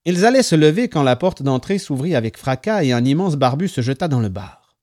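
A man reading a story aloud as narrator, calm between the voices. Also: fairly high pitch, a little fast, dry recording, studio quality. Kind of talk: audiobook narration.

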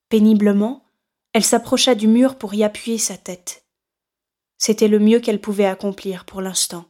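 Woman, audiobook narrator, steady measured reading, mid-range voice. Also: medium pitch. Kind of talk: scripted narration.

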